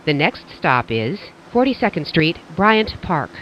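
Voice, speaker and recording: A prerecorded subway stop announcement built from spliced-together words, so the station names leap in pitch against the carefully enunciated phrase around them. The sound comes through a muffled train loudspeaker. A faint rumble of the moving car hangs behind it. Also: sing-song, measured pace. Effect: spliced together prerecorded words, station names jump in pitch. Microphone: train public-address speaker.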